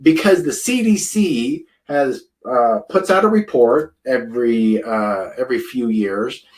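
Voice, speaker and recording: A man's voice: medium pitch, measured pace. A man in his fifties, a food scientist giving an informal wellness presentation, rambling and chatty with many fillers, close to the camera mic. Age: 50s.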